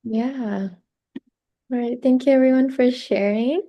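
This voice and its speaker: A woman's voice: fairly high pitch, steady tone, measured pace, highs cut off. A woman hosting an online group session over a video call. She talks in a casual, friendly way and uses a lot of filler ums. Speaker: host.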